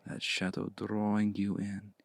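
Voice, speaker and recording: Close to a dry microphone with no echo, a man plays a seductive, commanding male vampire for intimate ASMR. His delivery is completely flat, yet the mood is coaxing and seductive; his low, gravelly, breathy voice moves slowly and deliberately, often dropping to a breathy near-whisper.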